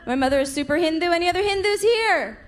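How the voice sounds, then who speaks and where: A woman from the United States doing a stand-up set on a club stage, with punchy delivery and quick switches into parent voices. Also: very high voice, lively intonation. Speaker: stand-up comedian. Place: comedy club stage with audience laughing. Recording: live club recording with crowd noise.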